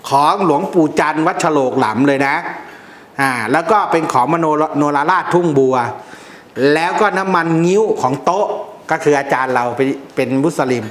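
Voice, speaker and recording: A man explains amulet lore in a casual, jokey, blunt way, throwing in coarse slang. His voice sits a little high for a man. The room around him is noticeably echoey. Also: normal speed, fairly bright tone. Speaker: amulet teacher.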